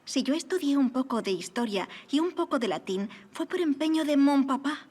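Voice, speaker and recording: In a period audio drama, a young high-society lady speaks in a slightly high, somewhat mellow voice at a moderate pace. Animated, gracious, and affectionate, she delivers formal, witty, self-assured lines in a wry mood.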